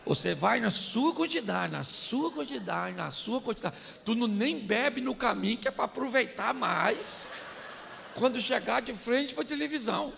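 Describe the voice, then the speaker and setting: A man's voice: very high-pitched, lively intonation, normal speed, vocal fry, fairly bright tone, slight background noise. An older man, preaching a humorous sermon, joking and acting out household dialogues. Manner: jokey, acts out household dialogues, laughs often. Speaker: pastor. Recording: long reverb of a large hall.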